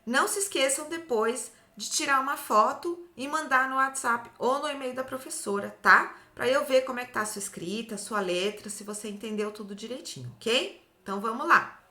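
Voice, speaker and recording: A Brazilian Portuguese woman teaching phonics to young children, stretching out syllables slowly and checking in after each point. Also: fairly high pitch, pushed and bright, reverberant. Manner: slow, drawn-out syllables, often ends with "tá?". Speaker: literacy teacher. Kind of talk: slow, clear phonics lesson for children.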